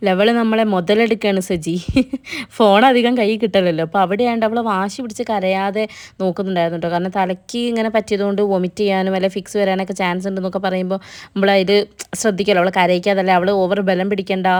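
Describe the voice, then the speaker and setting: A young woman talks quickly through a casual vlog voice-over, chatty and direct with her viewers. Her pitch sits in an ordinary middle range. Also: fairly even intonation, darkish tone, clear, resonant tone. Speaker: vlogger narrating.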